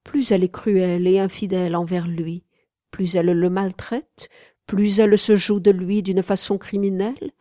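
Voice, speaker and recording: A woman's voice: mid-range voice, warm tone, no echo, studio quality, natural voice. A woman reading an audiobook, voicing a haughty, mocking woman in furs with a cool, commanding tone.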